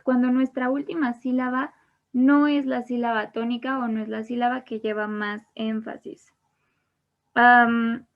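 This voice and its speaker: A woman teaching an online English grammar class, explaining each rule in English and then again in Spanish. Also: on the high side. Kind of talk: bilingual online grammar lesson. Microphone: online class computer mic. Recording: dull lo-fi online class audio.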